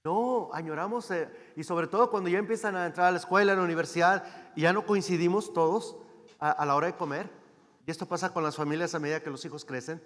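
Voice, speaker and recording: A man from Mexico preaching as a guest speaker. His voice sits a little high for a man, and he keeps checking in with the congregation through rhetorical questions. A long reverb from the church hall trails behind his words. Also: fast, fairly bright tone. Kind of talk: sermon.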